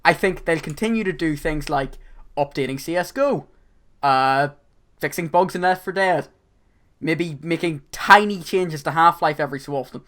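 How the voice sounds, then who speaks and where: A man's voice: fairly high pitch, moderate pace, fairly bright tone. A man hosting a casual gaming podcast, talking energetically with a sore voice and stumbling over repeated words. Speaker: podcast host.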